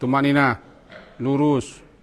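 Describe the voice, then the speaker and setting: A man's voice: mid-range voice, little pitch movement, slow pace. A man, teaching students how to pray in a mosque, giving short commands and coaxing them along. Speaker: religious teacher. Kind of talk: hands-on prayer lesson for students. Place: mosque prayer hall. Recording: long mosque hall reverb.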